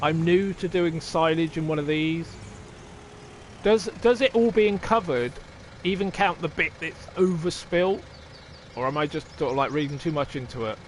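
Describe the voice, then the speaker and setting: Playing a farming game on a live stream, a man chats to viewers, reasons things out aloud and swears casually. The voice is slightly high and moderately paced, and there's a little hiss or hum.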